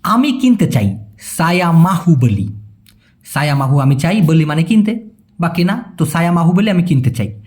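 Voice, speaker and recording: A man teaches a casual language lesson. His voice sits high and swings widely in pitch as he explains. He repeats phrases slowly and patiently, checking that his viewers follow. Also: sing-song, a little mellow.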